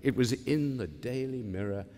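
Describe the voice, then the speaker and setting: A man's voice: medium pitch, moderate pace, warm tone, a little hiss or hum, pitched above the performer's own voice, natural voice. A man putting on a prim, proper mother. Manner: dry, proper understatement. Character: prim, genteel older mother. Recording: long reverb in a hall.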